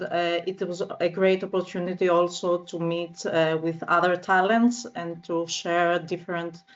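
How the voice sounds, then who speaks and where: This guest is a Greek woman in her 30s from northern Greece, giving interview answers in a slow, flat, fairly low voice. She speaks in a measured, halting way with frequent filler sounds, and the audio is slightly muffled.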